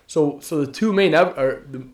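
A man with a voice on the high side co-hosts a laid-back movie podcast at a moderate pace. He rambles, swears casually, and lets sentences trail off. The recording has a roomy echo.

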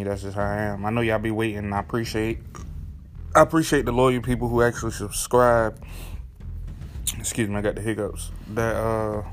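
A man's voice: fairly low pitch, a little hiss or hum. A man hosting his own podcast, talking bluntly and profanely in a rambling casual monologue with frequent restarts. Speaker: podcast host.

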